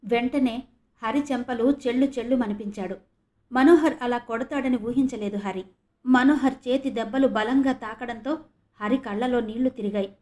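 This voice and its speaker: A woman from Andhra Pradesh reads an audio novel aloud, her storytelling steady and clear. Her voice sits somewhat high for a woman. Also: normal speed. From Andhra Pradesh, India. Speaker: audiobook narrator.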